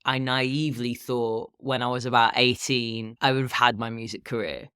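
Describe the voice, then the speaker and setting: A man in his thirties talking casually and candidly on a solo podcast, with a low, unhurried morning voice. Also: fairly even intonation, pushed and bright, smooth, dry recording, clean studio sound. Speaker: podcast host and health and fitness coach.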